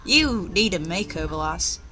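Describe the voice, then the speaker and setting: In a fairly low, animated voice at a moderate pace, a woman hosts a gaming video, performing a story aloud with theatrical flair and casual remarks. Faint music sits behind her.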